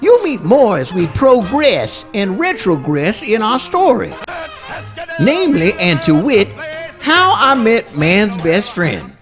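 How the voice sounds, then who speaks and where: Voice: medium pitch, wildly swooping pitch, takes it slowly, over music. An actor voicing a mild-mannered male possum in folksy swamp dialect with mangled grammar, in a live radio play. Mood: folksy narrating.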